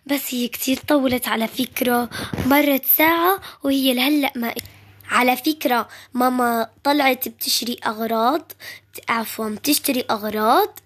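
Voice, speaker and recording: A woman voicing several characters in a home-made series, switching between excited, tearful and soothing lines. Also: sits high.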